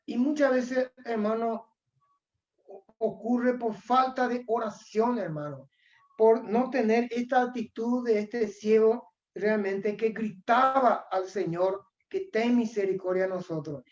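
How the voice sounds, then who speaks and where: A woman with a Paraguayan accent preaching a sermon. She speaks earnestly, keeps calling her listeners brother, and often clears her throat. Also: a little high, slow, a little mellow. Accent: Paraguayan Spanish. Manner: earnest, repeatedly addresses listeners as "hermano", frequent throat clearing. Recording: dull lo-fi recording.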